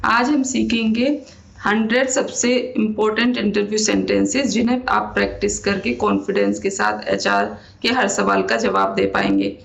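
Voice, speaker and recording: A young woman gives an English lesson, saying every phrase slowly and twice over. Her voice has a gravelly, creaky edge. The recording is echoey and dull, like a bare room on a lo-fi mic. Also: mid-range voice, expressive. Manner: repeats each English sentence slowly and deliberately. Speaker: English teacher.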